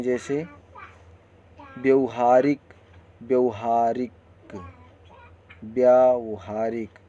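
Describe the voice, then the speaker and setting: A man teaching Hindi spelling, who says each word slowly and corrects the wrong form against the right one. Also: mid-range voice, warm tone, highs cut off. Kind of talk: spelling lesson.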